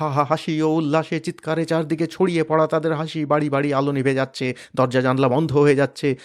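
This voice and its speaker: A man reading a novel aloud in a dramatic, expressive manner, sometimes dropping to a hush. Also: a little high. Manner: expressive, varied, hushed at moments. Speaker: reader of a novel.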